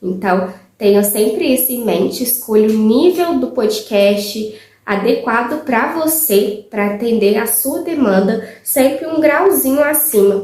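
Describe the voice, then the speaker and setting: Woman, teacher voice, fairly high, chatty with lots of fillers, roomy echo. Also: a little mellow. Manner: chatty, frequent "né" fillers and "gente". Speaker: English teacher. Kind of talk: casual spoken tips to viewers.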